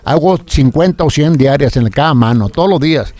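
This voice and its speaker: An older man talks about himself in a casual interview. His speech is halting, and he often repeats words before he gets them out. His voice sits a little high for a man. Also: expressive, a little mellow. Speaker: radio announcer.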